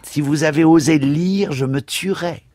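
A man reading aloud, voicing a smug scheming priest with a high, sneering, unctuous manner. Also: very animated, normal speed, husky, no echo, full character voice. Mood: indignant telling. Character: smug scheming middle-aged male priest.

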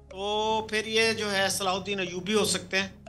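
An older man talks into a headset from a video call, his voice unusually high and very bright, almost sharp. He tells anecdotes and drops in English phrases, with faint music in the background. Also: little pitch movement, moderate pace. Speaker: panelist. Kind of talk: anecdotal chat mixing in English.

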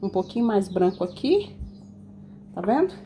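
A woman's voice: medium pitch, sing-song, moderate pace, muffled recording, slight background noise. A woman chatting to her viewers while decorating a cake in her home kitchen, explaining each step. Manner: chatty, addresses viewers as "gente". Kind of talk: casual baking tutorial.

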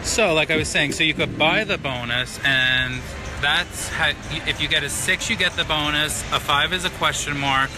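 Man narrating slot play over loud music. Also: a little high, normal speed, hardly any pauses. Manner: explanatory, addresses viewers. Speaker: slot machine player and video host. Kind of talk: casual running commentary while gambling. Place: casino floor at a slot machine. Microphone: handheld camera, speaker off screen. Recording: loud casino game music behind voice. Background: loud slot machine music.

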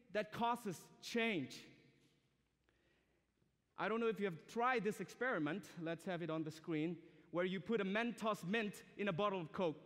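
With a high voice and a fairly bright tone, a young Myanmar-born man, whose native tongue is a language of Myanmar, preaches in English to students. His guest sermon is polite, earnest and conversational. He stands on a large indoor auditorium stage, and the hall echoes.

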